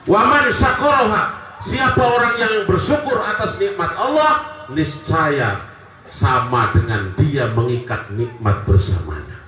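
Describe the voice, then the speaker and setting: A man's voice: sits low, a little hiss or hum. Man preaching with a Javanese accent, echoey. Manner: lively, joking, shifts between loud and quiet. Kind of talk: religious sermon to a crowd. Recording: echoey from far off.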